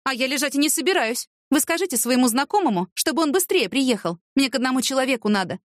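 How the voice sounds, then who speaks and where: A woman voicing an excitable young woman in trouble, speaking in anxious exclamations. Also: sits high, quick pace, dry recording, clean studio sound, pitched above the performer's own voice.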